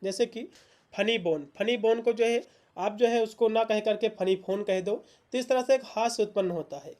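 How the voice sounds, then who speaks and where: Woman teaching exam notes, mellow voice. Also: a little high, moderate pace. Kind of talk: exam-prep lecture, reading English definitions then explaining in Hindi.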